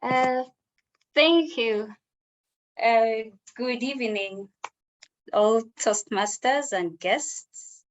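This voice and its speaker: A woman with a Ugandan accent giving a prepared personal speech in an online club meeting, speaking in a measured, deliberate way. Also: fairly high pitch. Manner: measured, deliberate delivery with pauses. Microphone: video call.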